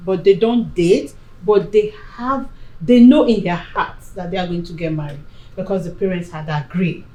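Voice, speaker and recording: A middle-aged woman, moderating a panel discussion with emphatic, deliberate phrasing. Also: on the low side, warm tone, poor audio. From Africa. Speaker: discussion host.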